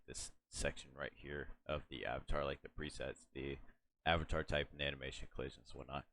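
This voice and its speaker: A young man giving a casual, rambling software tutorial, full of fillers and restarts and yawning now and then. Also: very deep voice. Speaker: tutorial host.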